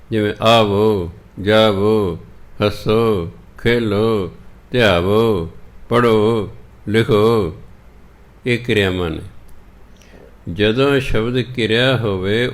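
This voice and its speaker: A man giving a slow teaching sermon, chanting scripture verses and patiently repeating words to drill their correct pronunciation. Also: mid-range voice. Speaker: Sikh preacher teaching scripture recitation.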